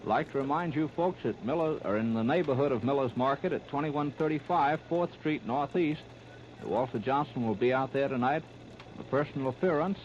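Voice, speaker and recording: Speaking briskly in a mid-range voice, an American man delivers clipped running play-by-play of baseball in 1930s radio fashion. The 1939 disc recording is very noisy and muffled.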